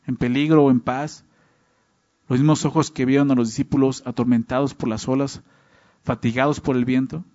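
A man's voice: medium pitch, a little mellow. A man preaching a Bible-teaching sermon in a conversational way, often checking in with his listeners through short tag questions. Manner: conversational, constantly checks in with "¿no?" and "¿verdad?". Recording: dull lo-fi recording.

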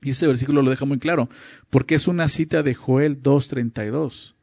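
A man's voice: medium pitch, brisk, vocal fry, darkish tone, dry recording, muffled recording. A man giving a Bible teaching as a pastor, reading verses aloud and often checking in with the listener through rhetorical questions. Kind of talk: sermon teaching.

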